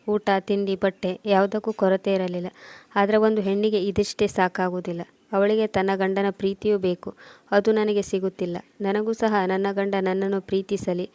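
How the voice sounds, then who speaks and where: A woman reading a scripted first-person emotional story in a steady, measured way. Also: mid-range voice, dry recording. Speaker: narrator.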